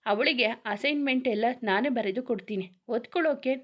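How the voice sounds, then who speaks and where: A woman's voice: on the high side, brisk, fairly bright tone, lightly acted. A woman voicing a young husband who playfully scolds his wife in a read-aloud story. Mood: teasing. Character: teasing strict young husband.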